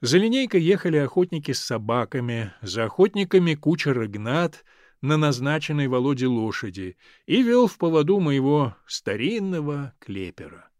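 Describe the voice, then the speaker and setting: A man reading a literary story aloud as an audiobook narrator, in an expressive storytelling manner. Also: a little high, moderate pace, no echo, clean studio sound.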